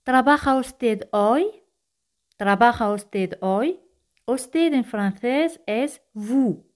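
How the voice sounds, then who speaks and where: Very slow, patient woman language teacher. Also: fairly high pitch. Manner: repeats each phrase slowly, patient and clear. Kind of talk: slow-paced language lesson.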